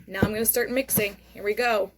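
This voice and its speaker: A woman's voice: mid-range voice, steady tone, a little fast, a little hiss or hum. A woman talking like a kids show host, encouraging young viewers directly as she casually narrates a hands-on craft demonstration. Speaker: host of a children's craft lesson.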